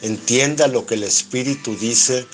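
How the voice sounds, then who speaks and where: A man's voice: medium pitch, measured pace, soft background music. A man with a Mexican accent giving a Bible study sermon, reading scripture aloud and explaining it line by line, asking rhetorical questions and answering them himself. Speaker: preacher.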